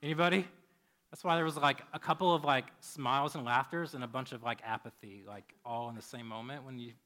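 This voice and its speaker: A man in his thirties preaching a sermon, animated while telling a story and soft and hushed when he prays. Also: medium pitch, brisk. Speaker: pastor.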